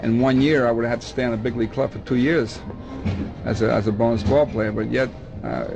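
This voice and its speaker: Older man with a gravelly voice. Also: medium pitch, fairly even intonation, brisk, muffled recording, over music. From Dominican Republic. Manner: rambling, repeats words and restarts often. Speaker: baseball scout. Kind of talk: oral history interview.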